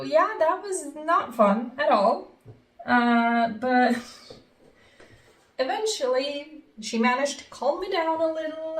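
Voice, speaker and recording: A woman from Norway tells a casual story-time tale in a high voice, laughing often between phrases. She talks at an unhurried pace. The recording is roomy, with the mic set some way back from her. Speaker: vlogger. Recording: roomy echo, mic at a distance.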